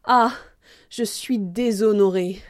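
A woman's voice: mid-range voice, takes it slowly, darkish tone, dry recording, studio quality, close to an everyday voice. A woman voicing a proud, hot-headed young male swordsman with a Gascon accent in a read-aloud story, declaiming his lines with fiery emphasis. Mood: despairing.

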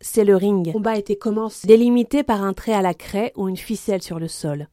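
A woman's voice: medium pitch, fairly quick, dark tone, no room sound. Woman reading aloud, dry close sound. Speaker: reader. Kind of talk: storybook reading.

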